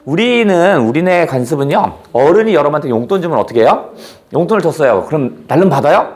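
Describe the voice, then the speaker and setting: A man's voice: a little high, fast. A male teacher retelling a classic tale in class, quizzing his students as he goes. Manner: animated, quizzes students with questions. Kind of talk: storytelling lesson.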